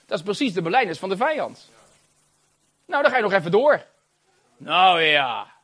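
High, bright, animated male preacher. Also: quick pace, slightly rough. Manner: animated and exclamatory, with frequent hallelujahs and amens; laughs between phrases. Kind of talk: sermon.

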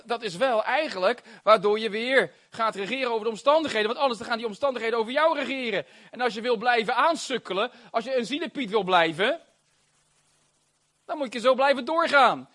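A man preaching a sermon, animated and exclamatory, with frequent hallelujahs and amens and laughter between phrases. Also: very high voice.

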